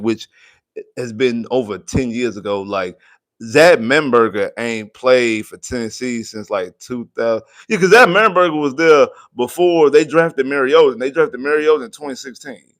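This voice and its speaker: A man hosting a postgame livestream, talking in a casual, repetitive, animated way. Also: medium pitch. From United States. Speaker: sports show host. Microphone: desk mic.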